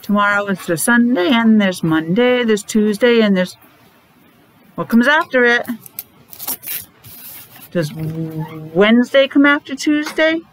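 This middle-aged teacher of small children uses lively intonation and a slightly high voice, speaking slowly with long pauses as she asks questions in a sing-song morning meeting lesson. Her simple words are slightly muffled behind a face mask. A device mic at arm's length captures it in a noisy classroom.

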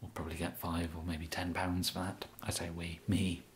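Close-miked and barely above a whisper, this young English man voices an apologetic, clumsy kidnapper for whispered ASMR, sounding sheepish and polite. The delivery is monotone and lightly acted, halting and rambling, with slight background noise.

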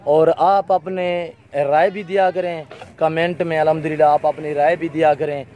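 Brief: Pakistani-accented male farm seller, fairly high voice, repetitive salesman patter, phone camera outdoors, faint road noise. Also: steady tone, normal speed, a little mellow. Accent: Pakistani Urdu, Saraiki region. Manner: repetitive, pitching, peppered with religious phrases. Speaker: goat farm owner and seller. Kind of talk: off-camera sales walkthrough of livestock. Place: outdoor goat pens on a farm.

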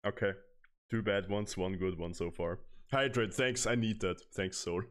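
A man's voice: on the low side, moderate pace. Chatty young man streaming from home. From Austria. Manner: chatty, laughs often, reads and answers chat. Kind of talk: casual live-stream chat. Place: small room at home, indoors. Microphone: headset microphone.

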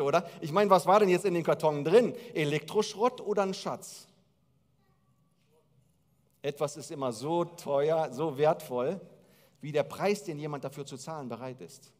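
A man in his forties preaching a sermon on a church stage, telling stories with lively gestures. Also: mid-range voice. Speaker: pastor. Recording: long hall reverb.

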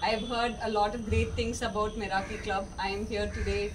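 A woman's voice: mid-range voice, level tone, brisk. A young woman giving a polite, concise self-introduction at a club meeting in an open-air pavilion, recorded by a far camera. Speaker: visiting club member. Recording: distant with background noise.

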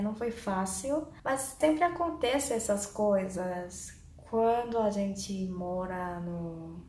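A young woman with a Korean accent chats to camera like a casual storyteller. She speaks slowly, in simple, careful second-language phrasing. The room gives her voice a clear echo, with faint noise behind it. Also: medium pitch, a little mellow. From South Korea. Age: young adult. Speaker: vlogger. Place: small bare indoor room.

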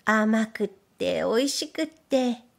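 A woman's voice: fairly high pitch, expressive, slow, gravelly, heavily acted. A woman voicing a happy little bear cub in a children's storybook, savoring his honey. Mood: contented. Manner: contented, savoring.

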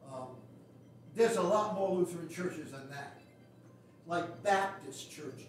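A man's voice: high voice, takes it slowly, slight background noise. An older man preaching a sermon as pastor, blunt, folksy and sarcastic. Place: small wooden church sanctuary. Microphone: far camera at the back of the pews. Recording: echoey church from far off.

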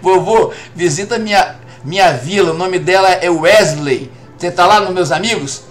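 Soft music plays behind a Brazilian man in his fifties who chats jokily with viewers on his live game stream. He speaks Brazilian Portuguese at a normal speed in a voice that sits high, repeating "rapaz" many times.

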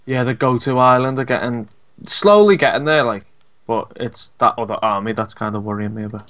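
Relaxed Scouse man chatting over a game. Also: mid-range voice, brisk. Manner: relaxed, hesitant, many fillers and laughs. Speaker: co-op gameplay commentator. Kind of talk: casual gaming chat.

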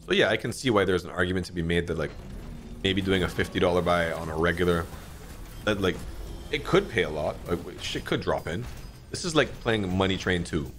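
A man in his thirties giving casual, excitable commentary while playing an online slot game, often swearing and jumping up in pitch at big moments. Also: brisk. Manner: excitable, swears a lot, frequent pitch jumps. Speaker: slot streamer. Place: dim home streaming room, indoors.

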